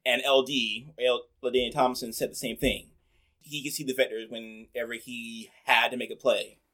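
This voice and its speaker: A man hosting a casual chat, rambling along in a relaxed way and filling his sentences with "like". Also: medium pitch, normal speed. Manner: chatty, rambling, many "like" fillers.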